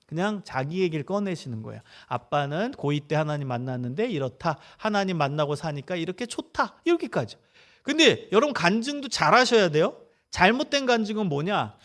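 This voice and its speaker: A middle-aged man lecturing to a church congregation in a high, bright voice. His pitch swings widely as he acts out little scenes between parents and children. He keeps turning to the audience with questions and has them repeat phrases back. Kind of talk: lively church lecture with acted-out examples. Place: church sanctuary.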